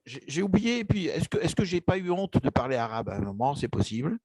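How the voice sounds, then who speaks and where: The speaker is an older Egyptian man, an author being interviewed about his book, hesitantly telling personal memories with lots of restarts and fillers in a casual exchange. His voice is a little high and a little fast, very animated, with a darkish tone and breathy edge. The recording has no echo.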